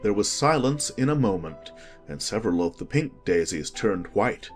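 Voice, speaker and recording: A man narrating a children's story as an expressive, scripted audiobook reading. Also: lowish voice, normal speed, soft background music.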